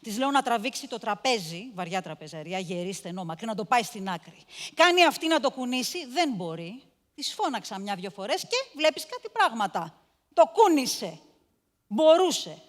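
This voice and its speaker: A cruel, contemptuous house mistress. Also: female voice, fairly high pitch, very animated, big-room sound. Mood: cold. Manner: cold and contemptuous, erupts into shouting. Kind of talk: stage monologue.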